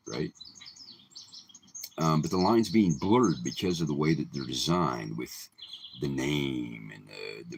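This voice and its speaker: A man's voice: very deep voice, vocal fry, a little hiss or hum. A middle-aged man giving casual, rambling commentary to the camera, full of ums and restarts. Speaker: vlogger.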